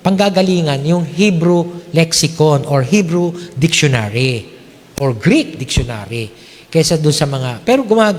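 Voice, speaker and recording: A male pastor delivers a sermon in a slightly high voice, his words ringing out with a long reverb in a church hall. He keeps it conversational, often checking in with his listeners, and slides easily between Tagalog and English.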